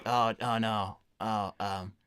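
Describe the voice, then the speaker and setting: A man's voice: on the low side, fairly even intonation, slow, a bit bright, smooth. A man voicing an anxious, well-meaning young hedgehog hero in improvised livestream roleplay, hesitant and stammering as he rambles reassurances. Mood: uneasy rambling. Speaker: livestream performer answering donor messages.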